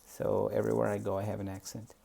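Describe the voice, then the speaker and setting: Speaking fast in a flat, mellow, creaky voice on the low side, this man from Peru tells his own life story. He has a Spanish accent and reminisces hesitantly and thoughtfully, filling gaps with many fillers like a memoir storyteller.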